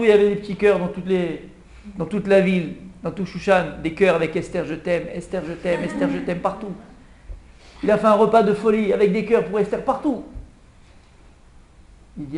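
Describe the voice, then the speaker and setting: A man, a rabbi, giving a lively Purim Torah class and acting out the king's pleading for a small audience. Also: high-pitched. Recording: echoey room, faint background hum.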